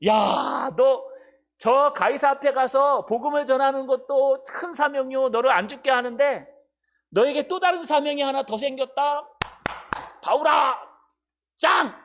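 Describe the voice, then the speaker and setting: A male pastor voicing an awed, encouraging angel, speaking loudly with admiring exclamations. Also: extremely high pitch, moderate pace, pitched above the performer's own voice.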